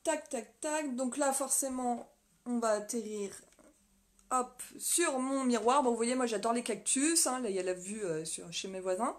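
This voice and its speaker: A woman vlogger hosts a live video from her small home office, filming on a phone on a stand. She rambles casually with lots of fillers, laughs often and reads viewer comments aloud, in a voice on the high side at a moderate pace.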